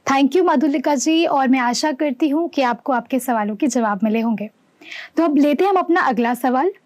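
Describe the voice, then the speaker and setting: A woman's voice: high-pitched, normal speed, darkish tone, no room sound. A woman hosting a live call-in show, politely greeting callers and passing their questions to the doctor. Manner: polite, formulaic, courteous. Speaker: show host taking calls.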